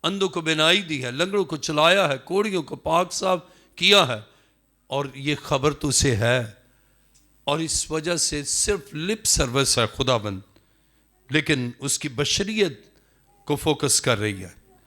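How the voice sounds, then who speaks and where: Bright-voiced man preaching a sermon. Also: lively intonation. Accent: Pakistani Urdu. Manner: emphatic preaching, acting out quotes with swings in pitch. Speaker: pastor.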